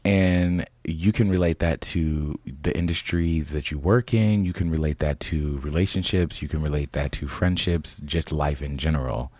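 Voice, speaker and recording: A young adult man from Chicago co-hosting a podcast in casual chat, telling stories with animation and leaping into a high voice when acting out quotes. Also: steady tone, moderate pace, few pauses, a little mellow, no room sound. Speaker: podcast co-host.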